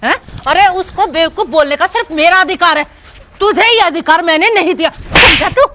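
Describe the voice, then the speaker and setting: A woman's voice: very high voice, moderate pace, very noisy. A woman playing a quarrelsome, taunting middle-aged village mother in a comic family skit. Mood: scolding. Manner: loud, bickering, taunting. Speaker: actor in comedy skit.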